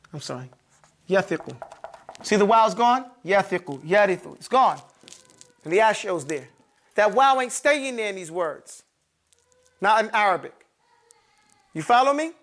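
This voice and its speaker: A man's voice: very high voice, fairly bright tone. A man teaching an Arabic grammar lesson in a mosque classroom, quizzing his students and drilling terms by repeating them.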